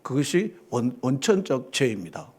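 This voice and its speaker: A man preaching a sermon as pastor, fervent, swinging between loud declarations and quiet drops. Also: medium pitch, very animated, moderate pace, breathy edge. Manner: fervent preaching, rising and dropping dramatically.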